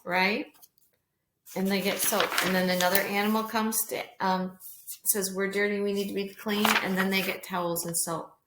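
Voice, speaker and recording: A woman's voice: medium pitch, noisy background. A woman speaking as a kindergarten teacher, talking simply to small children as if reading aloud to them in a read-along lesson. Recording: roomy echo.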